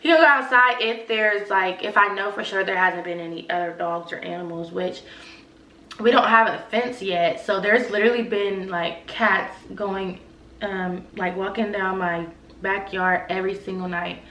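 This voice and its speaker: A young adult woman vlogger chats casually to camera in a medium-pitched, pushed, bright voice at a moderate pace. She's sick with a cold-like illness and has a stuffy nose, rambling with plenty of filler like "like" and "y'all." The room is echoey and she sits a bit far from the mic.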